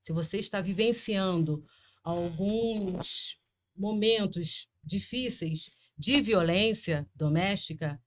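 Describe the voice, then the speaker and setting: A woman's voice: mid-range voice, slow. A Brazilian woman hosts a psychology podcast in a mid-range voice. She speaks directly to her viewers and encourages them, with an easy conversational flow. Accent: Brazilian Portuguese. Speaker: podcast host. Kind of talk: closing a psychology podcast episode.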